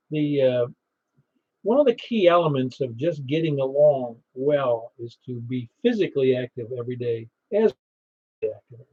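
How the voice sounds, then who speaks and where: A man's voice: mid-range voice, lively intonation, measured pace, pauses often, breathy edge. A chatty, rambling man casually hosting an amateur radio net, reading out call signs. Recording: slightly dull radio recording.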